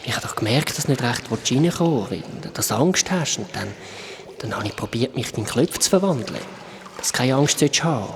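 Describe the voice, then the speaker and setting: In a children's radio play, a man with a Swiss German accent voices a friendly shape-shifting creature from another world who kindly and patiently explains things. His medium-pitched voice is expressive, brisk and natural, with background noise present.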